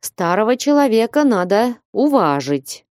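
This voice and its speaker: A woman's voice: fairly high pitch, very animated, measured pace, darkish tone, dry recording, clean studio sound, pitched above the performer's own voice. A woman voicing a reproachful male merchant reasoning with a younger man in an audiobook. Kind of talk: audiobook reading.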